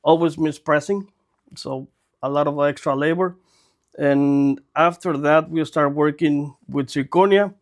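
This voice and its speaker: A man's voice: a little high, fairly even intonation, measured pace. A man in his forties with a Mexican accent, a native Spanish speaker, chatting casually as a podcast guest telling his story. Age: 40s. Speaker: podcast guest, dental technician.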